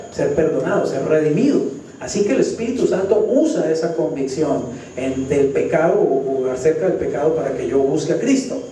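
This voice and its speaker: Echoey Colombian pastor preaching from afar. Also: male voice, a little high, slight background noise. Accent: Colombian Spanish. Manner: animated, questions the congregation often. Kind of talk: sermon. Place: church hall. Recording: very echoey church hall, distant mic.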